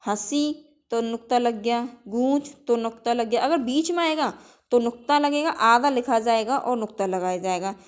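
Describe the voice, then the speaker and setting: A woman's voice: fairly high pitch, moderate pace, clear, resonant tone. A woman teaching an exam-prep lesson, stating each rule, repeating it and asking it back as a question before listing example words. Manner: drills with example words in a list.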